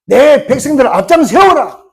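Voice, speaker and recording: Pastor man doing god giving loud orders, high and forceful, big swings in pitch. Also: sing-song, normal speed, heavily acted. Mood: commanding. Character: commanding God speaking to a prophet, booming male.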